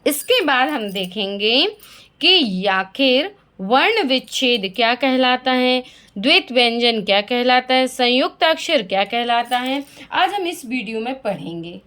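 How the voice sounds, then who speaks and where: A woman teaching a class of young children, her voice fairly high and swinging up and down a great deal. She asks the class a question and then answers it herself, repeating every key word so the children remember it. Her tone is the patient, sing-song manner of a school lesson. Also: expressive, measured pace, a bit bright.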